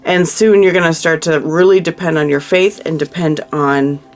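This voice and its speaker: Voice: medium pitch, fairly even intonation, normal speed, soft background music. Emotional tarot reader thinking aloud. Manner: thinks aloud while turning cards, emotional and consoling; frequent restarts and trailing-off phrases. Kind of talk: monthly tarot reading, talking to the viewer.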